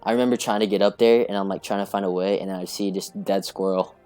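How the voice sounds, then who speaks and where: A man's voice: sits low, fairly even intonation, fast, a little mellow, faint music behind. A young man telling a long rambling story in casual podcast chat, full of fillers and laughter. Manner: rambling, filler-heavy, laughs through stories. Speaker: podcast guest.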